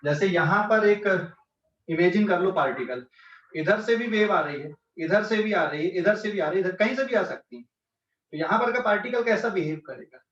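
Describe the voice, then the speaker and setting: Male online physics tutor with a central Indian accent who keeps checking understanding; high voice, roomy and muffled sound. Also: animated, moderate pace, fairly bright tone. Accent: Hindi-English mixed speech, central Indian. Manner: explains step by step, checks often if students follow. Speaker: physics teacher. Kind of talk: online class lecture. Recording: echoey distant lo-fi online class.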